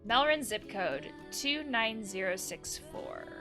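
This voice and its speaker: A woman who is a therapist hosts a casual video game let's play, reading the game's text aloud and reacting with chatty asides. Her medium-pitched voice is sing-song and slow, heard over music.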